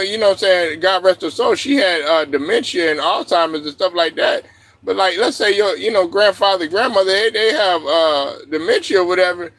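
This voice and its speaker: A man hosting a livestream, ranting loudly and profanely and laughing as he goes. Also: high voice, dry recording. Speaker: streamer host. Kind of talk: livestream rant.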